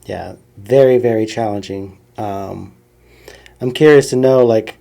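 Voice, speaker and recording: Low gravelly podcast host. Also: male voice, measured pace. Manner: relaxed, trails off softly at phrase ends. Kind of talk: casual interview chat.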